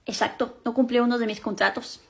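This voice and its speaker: A woman's voice: fairly high pitch, level tone, a little fast, a little mellow, lightly acted. A woman playing a scheming young sister, bossy and sly, in a comedy skit. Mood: smug.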